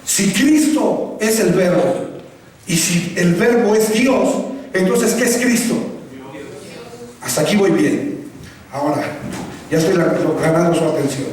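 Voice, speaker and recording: A man's voice: high voice, lively intonation, unhurried, pauses often, a little mellow. A man preaching a sermon, quizzing the congregation and having them repeat his words. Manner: questioning the congregation, calls for repetition. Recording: echoey hall, voice from far off, faint ambience.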